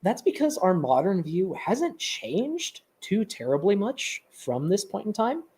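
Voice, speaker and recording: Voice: medium pitch, big pitch swings, a little slow, dark tone, husky. A presenter in casual educational chat, talking with many ums and light laughs. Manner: chatty, with filler ums and laughs.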